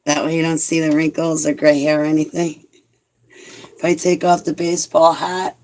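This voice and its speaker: A woman in her forties chatting casually to her viewers, rambling and joking about herself with lots of "like"s. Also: low-pitched. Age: 40s. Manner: chatty and self-mocking, rambling with many "like"s. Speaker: vlogger talking to viewers. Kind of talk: casual chat reading live comments.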